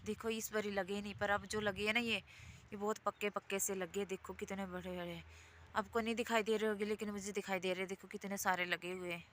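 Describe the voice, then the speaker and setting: A family vlogger chats casually with her viewers while filming her garden on a foggy day and then heading indoors, repeatedly saying "look" and "guys." Her mid-range voice barely moves in pitch, runs a little fast, and sounds fairly bright. The recording is low quality, with a little hiss or hum.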